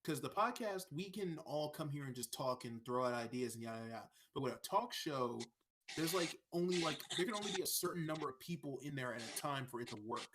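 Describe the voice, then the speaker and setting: A man's voice: medium pitch, expressive, a bit bright. A man co-hosting a podcast in casual chat over an online voice call, who argues his points and teases the others. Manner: argumentative, quick to explain and tease. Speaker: podcast co-host.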